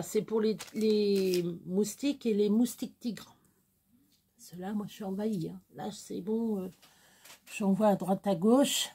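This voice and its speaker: A woman's voice: medium pitch, darkish tone, slightly rough. A woman chatting casually and bluntly into her phone camera at home late at night. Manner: chatty and unfiltered, coos at her pets. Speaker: vlogger. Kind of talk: casual night-time vlog.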